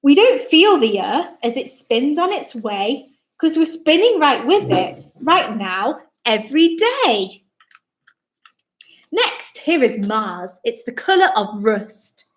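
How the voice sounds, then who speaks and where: A woman with a high-pitched voice reads a rhyming picture book aloud to young children in an echoey indoor room. She is theatrical and very lively, swinging widely in tone at an unhurried pace, speaking straight to her listeners and exclaiming as she reads.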